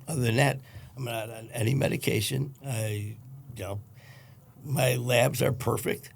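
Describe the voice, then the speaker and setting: Gravelly middle-aged man from Detroit, blunt, profane podcast guest, faint hiss behind. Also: medium pitch, a little slow. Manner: blunt, profane, animated retelling with quoted dialogue. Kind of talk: casual storytelling.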